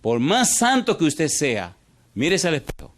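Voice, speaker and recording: Animated Spanish-speaking male pastor preaching. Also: fairly high pitch. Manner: asks the congregation repeated yes-or-no questions; animated, shifts pace from fast to drawn out. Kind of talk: sermon.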